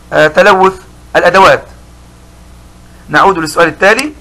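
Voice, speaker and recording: A man teaching young pupils, his voice high-pitched and bright. He explains patiently and slowly, saying each key word over again. He sounds like a middle-aged teacher in a recorded lesson. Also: poor audio. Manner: slow, explanatory, repeats key words.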